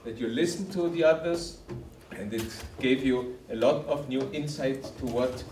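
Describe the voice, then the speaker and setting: A camp organizer with a medium-pitched voice, speaking at normal speed, gives a formal, encouraging closing speech to participants. His phrasing is repetitive, and he's recorded from a distance in a roomy hall with background noise.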